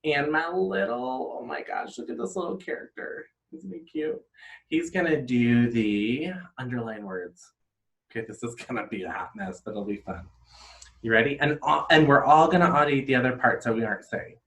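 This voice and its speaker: A man, an elementary school teacher, giving a playful, animated video lesson to young children. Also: mid-range voice, normal speed. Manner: animated, upbeat, playfully exaggerated.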